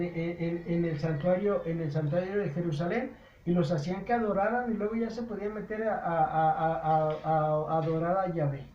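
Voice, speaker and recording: A man's voice: high voice, a little hiss or hum. A man with a Mexican Spanish accent giving an informal Bible lesson in a folksy, repetitive way, with many stammered restarts. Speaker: Bible teacher. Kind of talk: informal catechesis lecture. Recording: roomy dull lo-fi recording.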